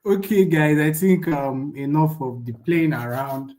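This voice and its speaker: A young man with a slightly high voice teaches a live online class at a measured pace. He keeps it chatty and casual, often checking in with his audience, tagging lines with "right?" and jumping lively in loudness.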